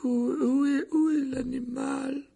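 A man's voice: extremely high pitch, steady tone, slow pace, creaky, mellow, pitched above the performer's own voice, heavily acted. A man voicing a shaky, stammering elderly male committee official in an audiobook. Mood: bewildered. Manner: quavering, stammering.

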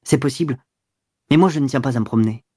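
A hard-up young man in an audiobook, grumbling curtly and then pleading in a rush, as a man reads him. The voice stays near the narrator's own mid pitch. The sound is dry and close to the mic. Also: fast, darkish tone, no room sound, lightly acted. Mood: grumpy. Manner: gruff, then stammering and begging. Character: broke, irritable young man, pleading when cornered. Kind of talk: audiobook dialogue.

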